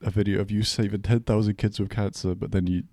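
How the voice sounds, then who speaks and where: A man's voice: lowish voice, little pitch movement, fast, dark tone, no room sound, clean studio sound. A man co-hosting a podcast in casual chat, laughing often and restarting his sentences. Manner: laughing, stumbling restarts, slangy. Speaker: podcast co-host.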